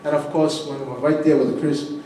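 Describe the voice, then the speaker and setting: A middle-aged man delivers a sermon with a fairly high voice, telling stories with animation and laughing often. He restarts and repeats his words as he goes. The recording is echoey, like a large hall picked up from a distant mic. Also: level tone, fairly quick, dark tone, a little hiss or hum. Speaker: pastor.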